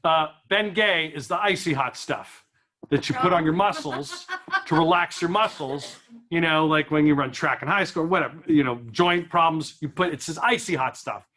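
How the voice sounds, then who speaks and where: A man doing a stand-up comedy set, telling a self-deprecating story and acting out his own inner voice with animated energy. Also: a little high, normal speed. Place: small event room with a live audience.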